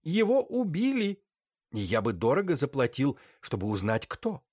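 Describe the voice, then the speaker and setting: A man voicing a courteous aristocratic baron who speaks in a measured, deliberate way. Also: mid-range voice, huge pitch swings, darkish tone, dry recording, studio quality, pitched above the performer's own voice. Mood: grave.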